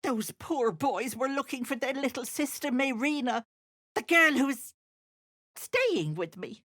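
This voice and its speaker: Auntie Ethel, a husky wicked hag. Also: female voice, high voice, animated, measured pace, fairly bright tone, exaggerated voice. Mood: sly menacing. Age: older. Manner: sugary, sly and menacing by turns. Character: wicked old hag posing as a sweet auntie. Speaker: game character. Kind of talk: video game voice acting.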